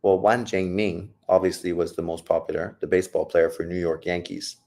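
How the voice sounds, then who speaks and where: A low-pitched, darkish male voice with vocal fry and flat delivery calls a boxing fight live, talking a little fast. The adult livestream host, old enough to say he got old, is profane, blunt and joking as he reads chat during his casual commentary.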